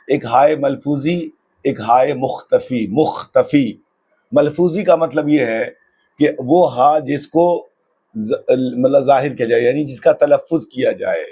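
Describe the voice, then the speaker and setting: A husky-voiced man gives a grammar lesson. He draws out each example word and repeats it patiently, with middling pitch and a steady teaching manner. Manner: drawn-out example words, repeated slowly. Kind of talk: explanatory lesson.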